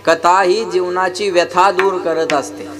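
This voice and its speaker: A man's voice: sits high, level tone, measured pace. A man giving a devotional kirtan sermon in a folksy, humorous storytelling way, often calling on the crowd to answer back. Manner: rhetorical, keeps asking the crowd to answer back. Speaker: kirtan preacher. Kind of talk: devotional sermon to a live gathering.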